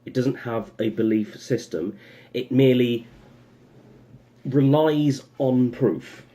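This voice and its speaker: A man's voice: mid-range voice, mellow. A young man giving a casual opinion monologue as a vlogger, rambling and sarcastic, breaking off into asides. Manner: rambling, sarcastic, full of self-interrupting asides.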